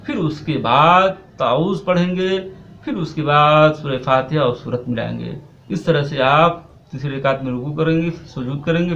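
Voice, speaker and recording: Guy teaching prayer steps, kinda high voice, repeats himself a lot, dull lo-fi recording. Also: fairly bright tone. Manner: explains step by step, repeating himself with fillers. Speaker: Islamic cleric teaching prayer rules. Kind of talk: religious instruction lesson. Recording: dull lo-fi sound.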